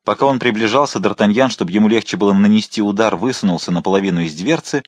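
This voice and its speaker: Low-voiced male audiobook narrator. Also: fast, no echo. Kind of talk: scripted narration.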